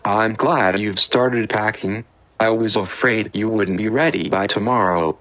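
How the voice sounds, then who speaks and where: A man's voice: fairly low pitch, a little slow. A man voicing a friendly male Jedi master who speaks with a smile and a hint of sarcasm in a fan-made audiobook. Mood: amused teasing. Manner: warm, lightly sarcastic.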